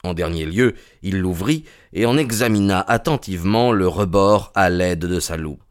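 A man reading an audiobook narration in an even, composed storytelling manner. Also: low voice, moderate pace, clear, resonant tone.

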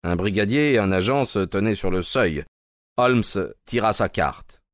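A man giving steady, measured scripted narration of a dramatic story. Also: lowish voice, no room sound, studio quality.

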